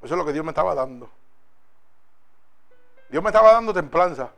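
Fervent high-voiced preacher. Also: male voice, expressive, brisk, creaky, soft background music. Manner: fervent, swings between loud exhortation and hushed storytelling. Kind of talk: sermon and personal testimony.

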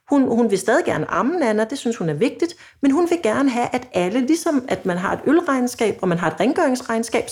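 Woman author reading her own book out loud, husky and kinda dark, mellow sound, animated storytelling. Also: a little high. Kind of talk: reading aloud from her novel and discussing it.

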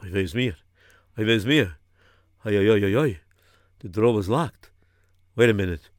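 A man's voice: fairly low pitch, moderate pace, dry recording, studio quality, natural voice. A man voicing a fussy, easily alarmed rabbi who mixes Yiddish phrases into his talk and repeats himself when worried.

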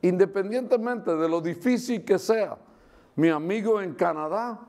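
A man's voice: sits high, unhurried, darkish tone. A middle-aged male preacher giving a sermon with personal testimony, talking conversationally with frequent tag questions and bits of English mixed in.

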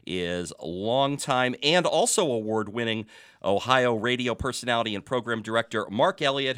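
A man's voice: medium pitch, pushed and bright, clean tone, no room sound, clean studio sound. A middle-aged man from New England hosting a sports talk podcast, chatting casually with lots of fillers. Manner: chatty, hesitant with many fillers.

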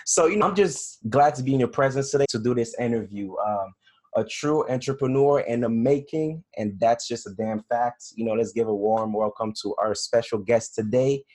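A man hosts a casual podcast. His pitch is average for a man. He speaks informally, like someone chatting with a close friend, and often drops in small conversational tags. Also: moderate pace, a little mellow. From Togo. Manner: informal, peppered with "you know" and "bro". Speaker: podcast host. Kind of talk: casual interview hosting.

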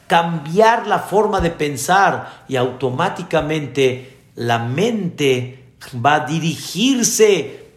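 Earnest rabbi preaching. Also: male voice, on the high side. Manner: earnest, addressing the congregation directly. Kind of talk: sermon with storytelling. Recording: echoey room.

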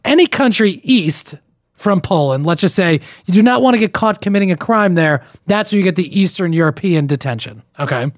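With clean studio sound and a dry recording, a young podcast co-host reads out listener emails, chatting casually and cutting in with comments, restarting frequently. His voice sits high, with lively intonation and a brisk pace.

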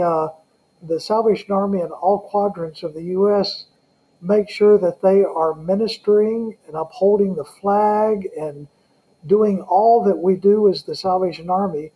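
A man with a Southern US accent speaks in a high, mellow voice. He gives conversational answers as an interview guest, often pausing and hesitating as he goes. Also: low-quality recording. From Southern United States. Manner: halting, with frequent hesitations. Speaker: guest, Salvation Army colonel.

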